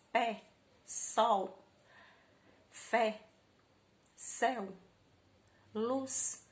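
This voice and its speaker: A Brazilian woman primary school teacher giving a recorded class to young children, stretching out key words syllable by syllable in a patient, sing-song teaching voice. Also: fairly high pitch. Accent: Brazilian Portuguese.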